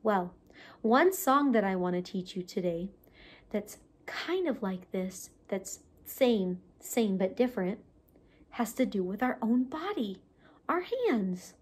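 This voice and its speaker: A woman librarian leading a children's storytime, speaking gently and asking young listeners questions. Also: a little high, slightly rough.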